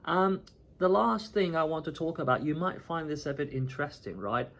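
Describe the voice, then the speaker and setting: A man's voice: fairly high pitch, moderate pace, vocal fry, a bit bright. A man from Turkey talking casually to the camera as a vlogger, chatty and often checking in with "right?" and "you know".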